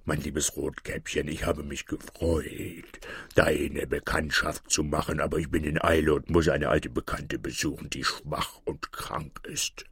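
A man voicing a cunning, mocking wolf in a fairy-tale reading, slipping into hushed whispers. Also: very deep voice, flat delivery, a little slow, husky, no room sound, studio quality, pitched below the performer's own voice, full character voice. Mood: sly. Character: sly cunning big bad wolf, male.

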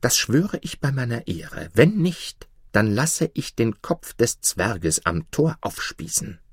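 A man's voice: mid-range voice, very animated, slow pace, husky, no room sound, clean studio sound, heavily acted. A man playing a blustering, hot-tempered duke. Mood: imperious. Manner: commanding, blustering.

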